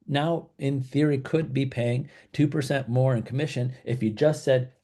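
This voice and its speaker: A man's voice: mid-range voice, fairly even intonation, normal speed, dark tone. A middle-aged man, a real estate broker, giving casual advice and acting out what clients and agents might say. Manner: conversational, acts out quoted people.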